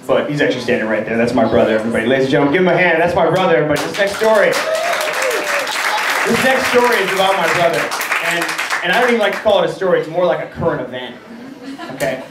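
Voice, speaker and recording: A young man doing excitable, crude stand-up storytelling on a comedy club stage. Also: a little high, quick pace, a loud crowd, heavy background noise. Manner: excitable, crude, laughing through the telling. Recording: roomy club sound from a distance.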